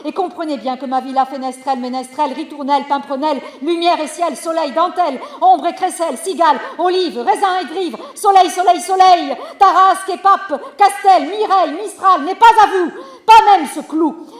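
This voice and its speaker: A woman voicing a domineering old matriarch, haughty, high, loud, roomy echo. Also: brisk, hardly any pauses, lightly acted. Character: proud domineering old mother-in-law.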